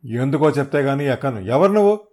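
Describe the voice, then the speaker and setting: A man's voice: mid-range voice, normal speed, natural voice. A man voicing a beaten, frightened male blackmailer who speaks in crude rustic dialect. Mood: defiant. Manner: crude dialect, pleading and shouting.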